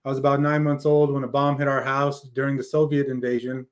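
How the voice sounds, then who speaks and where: A fast-talking interview guest with an American accent relates his life story in a conversational way; he was born in Afghanistan and grew up in California. His voice is medium in pitch and his delivery flat.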